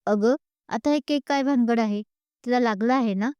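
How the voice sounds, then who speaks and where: A woman's voice: fairly high pitch, darkish tone, smooth, no echo, lo-fi sound, close to an everyday voice. A woman voicing a caring young man who fires off worried questions and teases, in an audio story read by one narrator. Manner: worried rapid questions, teasing. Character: caring young man, protective elder-brother type.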